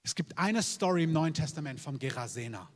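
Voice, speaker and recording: A man's voice: a little high, lively intonation, a little fast. Fervent male preacher in a reverberant hall. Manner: fervent, emphatic preaching with repeated amens. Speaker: pastor. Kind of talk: sermon.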